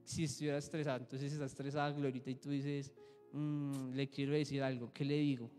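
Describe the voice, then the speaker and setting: A man's voice: medium pitch, level tone, brisk, darkish tone. A young man teaching an interactive Bible lesson to a church group, asking questions and acting out examples. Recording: echoey hall with faint music.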